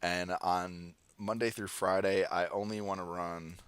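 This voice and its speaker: Here an online marketing presenter with an American accent demonstrates steps on a shared screen, thinking out loud in a casual, partly improvised way. His voice is low, level, smooth, and fairly bright, moving a little slowly, with no echo.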